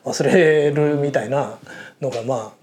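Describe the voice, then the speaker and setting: A man's voice: mid-range voice, slow, crowd noise. A man hosting a casual interview, musing aloud with lots of fillers. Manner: rambling, many fillers, thinks aloud.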